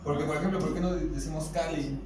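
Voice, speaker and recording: A man's voice: a little high, fairly even intonation, fast. A man with a Mexican Spanish accent teaching a language class, explaining patiently and questioning his students. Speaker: Nahuatl teacher. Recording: echoey room, distant mic, faint noise.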